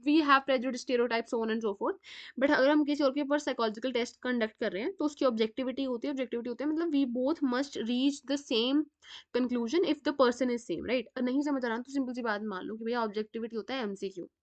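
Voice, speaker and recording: High-voiced North Indian woman teaching. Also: normal speed. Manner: chatty, switches between Hindi and English, asks rhetorical questions. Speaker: psychology teacher. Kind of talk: classroom lecture. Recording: dull lo-fi sound.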